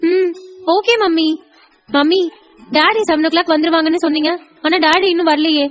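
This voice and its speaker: A woman voicing a curious little girl in an audio story, with a high piping child's voice. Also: steady tone, normal speed, faint music behind. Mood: eager. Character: small girl, bright and curious. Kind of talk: audio drama reading.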